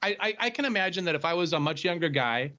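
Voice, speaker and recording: Midwestern man, high-pitched, animated storyteller who laughs mid-sentence, podcast co-host. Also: fast talker. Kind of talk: casual podcast chat.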